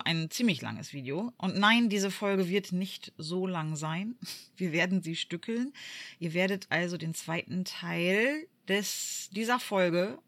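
A woman from Germany co-hosting a podcast in casual chat. She tells stories in a lively way, acts out what people said, and uses many fillers. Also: lowish voice. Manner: lively storyteller who acts out quoted voices, many fillers. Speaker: podcast co-host.

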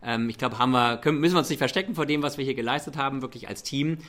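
A man with a medium-pitched voice speaks German with a light American accent. He answers like an executive in a conversational interview, feeling for his words and slipping in English business vocabulary. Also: rapid-fire, fairly bright tone. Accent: slight American accent in German. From Germany and the United States. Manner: hesitant, mixing English business terms into German. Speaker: airline chief executive.

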